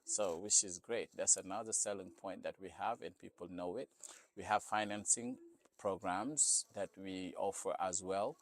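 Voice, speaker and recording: A store owner from Senegal, West Africa, answers interview questions casually in English, which isn't his first language, often adding "you know." His Senegalese-accented voice sits low, with fairly even intonation, at a normal speed.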